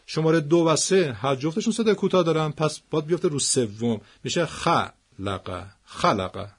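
A man teaching the stress rules of Quranic Arabic, patiently repeating words slowly. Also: on the high side, animated, breathy edge.

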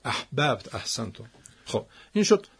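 A man teaching the stress rules of Quranic Arabic, patiently repeating words slowly. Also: mid-range voice, very animated, creaky, fairly bright tone, husky.

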